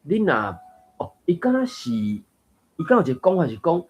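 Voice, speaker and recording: A man's voice: sits high, very animated, moderate pace, darkish tone, breathy edge, highs cut off. Musing man in a Taiwanese language chat. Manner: thoughtful, musing, with fillers and laughs. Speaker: reading group host. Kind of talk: casual discussion of Taiwanese texts.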